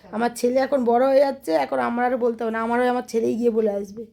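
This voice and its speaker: High fast-talking woman. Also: steady tone, gravelly, dark tone. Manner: scolding, chatty, addresses viewers directly. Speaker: vlogger. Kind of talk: casual home vlog talk to viewers. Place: home, indoors.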